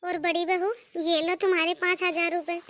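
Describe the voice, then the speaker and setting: Voicing a cartoon mother-in-law who is stern but fair, a woman with a very high, slightly bright voice delivers her lines flatly at a moderate pace. The character scolds, issues orders, and calls the daughters-in-law "bahu."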